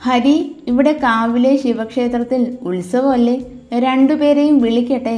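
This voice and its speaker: A woman's voice: fairly high pitch, steady tone, a little slow, lightly acted. A woman voicing a doting, hopeful middle-aged mother who speaks fondly to her son. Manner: gentle, fond. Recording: echoey room with soft music.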